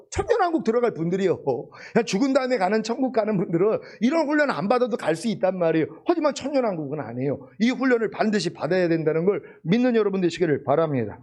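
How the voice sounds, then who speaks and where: Animated high-pitched Korean preacher. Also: male voice. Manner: emphatic preaching with rhetorical questions. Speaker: pastor. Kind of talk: sermon.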